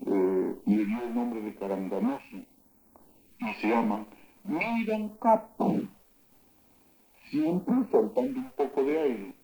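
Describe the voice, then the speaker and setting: A man teaching words of an old local language, saying each word slowly and loudly and then explaining its meaning. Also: medium pitch, expressive, slight background noise, rough recording. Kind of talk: spoken vocabulary lesson.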